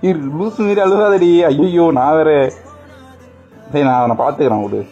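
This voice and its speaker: A man's voice: fairly high pitch, big pitch swings, normal speed, mellow, muffled recording, soft background music. A man chatting casually with a friend, first teasing her, then apologizing and coaxing her. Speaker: prank vlogger. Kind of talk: casual prank chat.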